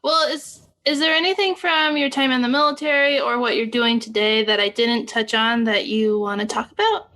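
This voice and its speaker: A woman with a high voice hosting a podcast interview. She talks casually and brightly, acting out little stories as she tells them. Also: moderate pace, few pauses. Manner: upbeat, animated retelling of stories. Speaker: podcast host.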